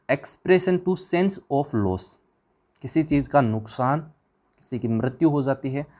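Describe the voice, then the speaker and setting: A man's voice: medium pitch, darkish tone. A man teaching an exam revision class, firing questions at the students and answering them himself in a chatty, informal way.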